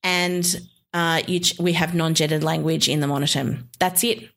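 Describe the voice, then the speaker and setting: A woman's voice: low-pitched, steady tone, normal speed, vocal fry, fairly bright tone. An Australian woman in her thirties co-hosting a chat show, explaining things in a chatty way, laughing easily and often restarting her sentences. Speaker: marriage celebrant podcast co-host.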